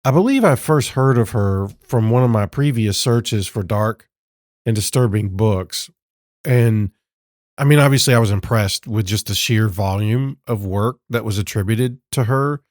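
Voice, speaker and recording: A man hosting a book podcast in a casual, sarcastic monologue, sounding rough from being sick. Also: on the low side, a little slow, darkish tone, no room sound, studio quality. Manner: sarcastic, self-deprecating, conversational. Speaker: podcast host.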